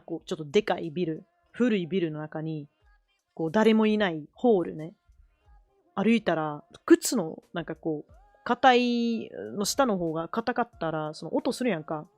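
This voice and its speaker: A woman with a Kansai Japanese accent chats loosely as a stream host, rambling and restarting her sentences, slipping between Japanese and English. Her voice sits at an ordinary middle pitch, and faint music plays behind her. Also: darkish tone, no echo. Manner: rambling, self-correcting, mixing Japanese and English. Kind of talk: casual chat while drawing.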